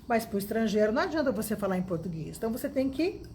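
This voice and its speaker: A woman teaching English in a casual video lesson, talking lively and directly to the viewer. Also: on the high side, very fast, a little hiss or hum. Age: 50s.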